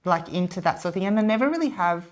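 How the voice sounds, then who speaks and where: A woman's voice: fairly low pitch, animated, rapid-fire. A woman, a podcast guest talking casually, swearing now and then and restarting her sentences. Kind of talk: casual chat.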